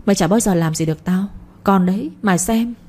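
Woman reading a vengeful village man, hard quick threats, dark husky voice. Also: medium pitch, lightly acted. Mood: furious. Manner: threatening, fast and angry. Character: grieving vengeful young village man Lập.

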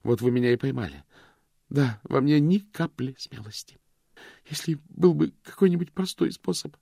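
A man's voice: mid-range voice, expressive, normal speed, vocal fry, mellow, slightly rough, no room sound, studio quality, pitched above the performer's own voice. A man voicing a frantic pleading young woman. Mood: resigned. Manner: pleading, breathless.

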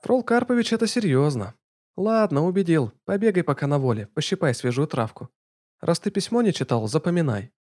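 A man putting on a sharp-tongued mocking young woman. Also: a little high, sing-song, a little fast, voice pushed up. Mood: businesslike.

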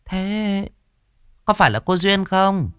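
A man's voice: high voice, expressive, fairly bright tone, clear, resonant tone, no room sound, clean studio sound, pitched above the performer's own voice, heavily acted. A man doing a solemn village spirit medium woman. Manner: solemn, measured pronouncements.

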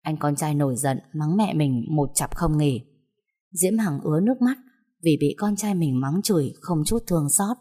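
A woman narrating a romance story in an even, measured way. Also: low-pitched, slightly rough.

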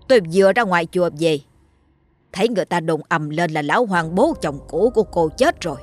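A woman voicing a scheming, mocking older first wife who scolds shrilly and wails theatrically. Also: fairly low pitch.

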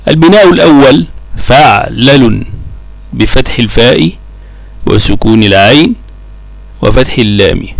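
A man teaching a classical Arabic grammar lesson, slow and measured, drawing out each example word. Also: mid-range voice, creaky, no room sound.

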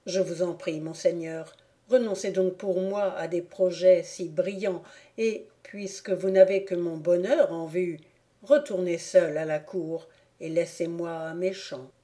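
An earnest young nobleman, a son begging to be left to his country life, voiced by a woman reader. The delivery is soft, slow and mellow, imploring rather than loud. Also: fairly low pitch, steady tone, natural voice. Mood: pleading. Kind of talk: audiobook character reading.

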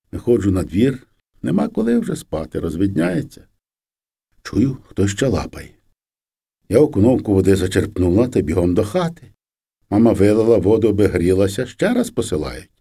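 Expressive male storyteller, husky voice. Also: deep voice. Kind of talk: scripted narration.

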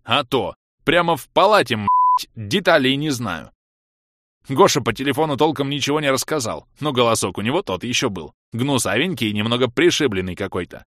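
A man voicing a rough, brash young male friend who talks in blunt slang, in an audiobook reading. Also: medium pitch, expressive, a little fast, sharp tone, dry recording, clean studio sound, pitched above the performer's own voice. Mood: rowdy.

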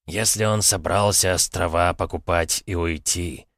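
A man's voice: sits low, steady tone, measured pace, fairly bright tone, dry recording, clean studio sound, full character voice. A man voicing a sardonic male spirit who mocks his friend, in an audiobook. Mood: mocking. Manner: sarcastic, drawling.

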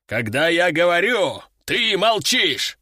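A man voicing a hot-tempered male army general who barks his orders in drawn-out shouts. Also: high voice, sing-song, no echo, studio quality, heavily acted. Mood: bellowing. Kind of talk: audiobook character voice.

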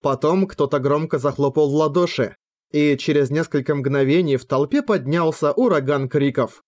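A man reads a fantasy audiobook in a measured, steady storytelling voice. His voice sits a little higher than most men's. He lifts his voice slightly for the characters' lines. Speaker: audiobook narrator. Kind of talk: scripted fantasy novel narration.

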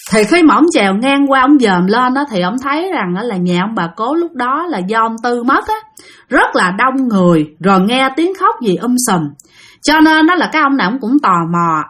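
A woman's voice: a little high, sing-song, normal speed, a bit bright. Chatty Southern Vietnamese woman storyteller. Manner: chatty, addresses listeners directly. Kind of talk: spooky storytelling narration.

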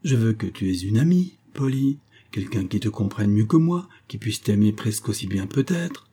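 A man's voice: lowish voice, animated, normal speed, warm tone, breathy edge. A man voicing a frail, worried father who pleads tenderly with his daughter, in a read-aloud novel.

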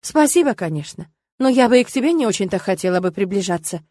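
A woman's voice: mid-range voice, lively intonation, fast talker, warm tone, natural voice. A woman reading an audiobook, voicing a defiant young woman who answers in a sarcastic, snappy way.

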